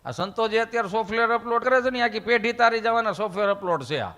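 A man's voice: sits high, fast, fairly bright tone, in a large hall. A man telling folksy comic stories on stage, acting out characters as he goes. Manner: folksy, voices characters in anecdotes. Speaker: comedian. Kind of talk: comic storytelling to a live audience.

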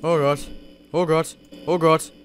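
A young man with a slightly high voice talks his way through a horror game. He mutters to himself, swears and gets jumpy as he plays. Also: flat delivery, takes it slowly, a little hiss or hum. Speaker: let's play host.

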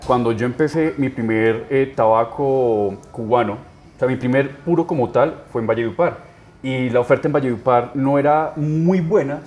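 A man's voice: medium pitch, a little mellow, slight background noise. Colombian man asking long questions. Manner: thoughtful, long winding questions. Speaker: host. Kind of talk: conversational interview.

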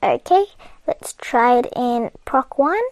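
A slightly high, darkish-toned female voice with lively intonation moves slowly through a step-by-step walkthrough of a coding puzzle game. The speaker, a coding tutorial host, is chatty and patient and laughs at her own mistakes. The audio has no echo.

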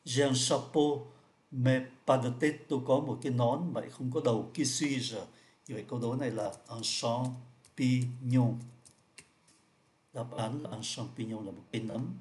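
A man's voice: medium pitch, steady tone, darkish tone. Patient man explaining French riddles. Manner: patient, repeats each point, slows down for French words. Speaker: French teacher.

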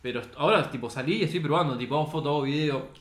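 A man's voice: on the high side, rapid-fire. A young man with a Rioplatense Spanish accent, a podcast guest and photographer talking earnestly in casual chat, full of slang fillers. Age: young adult. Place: recording studio. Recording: roomy studio echo.

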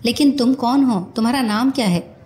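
A woman reading a storybook who voices a calm, probing young male sleuth with a cool, questioning manner. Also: a little high, a little fast, close to an everyday voice.

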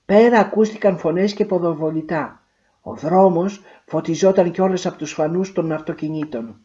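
A woman narrating a literary short story in a measured, expressive way. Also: on the low side, highs cut off.

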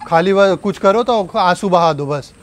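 High-voiced man angrily scolding. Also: normal speed. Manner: scolding, angry, threatening. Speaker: prankster husband. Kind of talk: staged angry argument.

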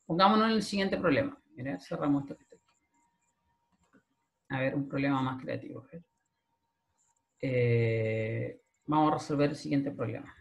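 Chilean man teaching with a gravelly voice. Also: mid-range voice, moderate pace, pauses often. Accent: Chilean Spanish. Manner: explains step by step, checks in with a frequent "¿ya?". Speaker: programming lecturer. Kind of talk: recorded screen-share class.

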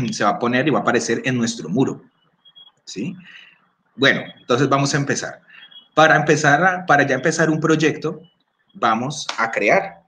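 A man giving a casual screen-recorded app tutorial, explaining step by step, often checking in and clearing his throat. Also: medium pitch, sharp tone. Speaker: workshop instructor. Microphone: computer or phone microphone.

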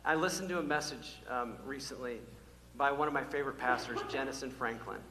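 Bright-voiced preacher in an echoey church. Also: male voice, mid-range voice, fairly quick. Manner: emphatic, repeats key words, varies from loud calls to near-whisper. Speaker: pastor. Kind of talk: sermon. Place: church sanctuary. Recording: echoey hall, faint hum.

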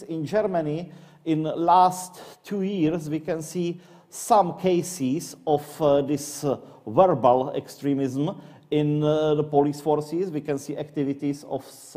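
A man from the Czech Republic with a Czech accent, presenting as an academic panelist in English. His delivery is halting, with frequent fillers and repeated words. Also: fairly high pitch, dark tone.

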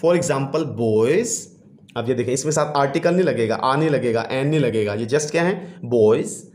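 A man's voice: mid-range voice, darkish tone. Echoey man teaching an English lesson. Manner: reads English lines slowly, then explains quickly, often asking "जी". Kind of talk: classroom lesson explaining English in Urdu. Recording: echoey room.

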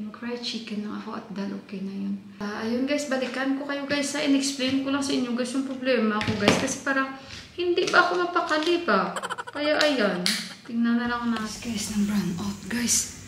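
A woman's voice: mid-range voice, fairly even intonation, normal speed, background noise. A woman from the Philippines, talking casually to her vlog viewers from home on a handheld phone camera and calling them "guys" every few words. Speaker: vlogger. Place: home, indoors.

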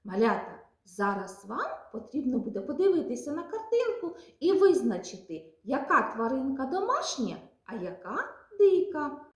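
A woman's voice: sits high, sing-song. Sing-song woman teaching toddlers. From Ukraine. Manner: slow, sing-song, coaxing speech to toddlers. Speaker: preschool teacher. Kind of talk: nature lesson for small children. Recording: echoey room.

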